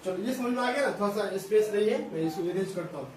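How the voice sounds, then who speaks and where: Male maths teacher, high voice, patient repeated explanations, recorded from afar in a very echoey room. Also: lively intonation, fast talker, darkish tone. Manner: explains step by step, repeats phrases, checks understanding often. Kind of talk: whiteboard lesson for school students. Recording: echoey room from a distance, faint hiss.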